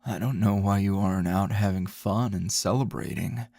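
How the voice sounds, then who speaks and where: A man voices a grumpy middle-aged teacher in an intimate ASMR roleplay, acting as a teasing, possessive lover. He speaks in a low, husky, gravelly murmur with a slow drawl and a dark tone, sounding fond and teasing.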